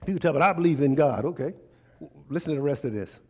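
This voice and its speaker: American man preaching in a higher-pitched voice. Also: expressive, quick pace, a little mellow. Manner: emphatic, conversational, repeats phrases and questions the congregation. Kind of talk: sermon with call and response.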